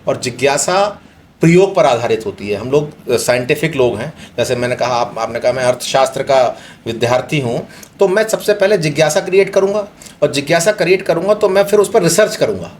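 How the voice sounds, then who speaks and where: A man's voice: on the high side, expressive, a little fast, a little hiss or hum. A middle-aged man from India, speaking as a guest in an unscripted interview, explaining philosophical ideas through everyday examples.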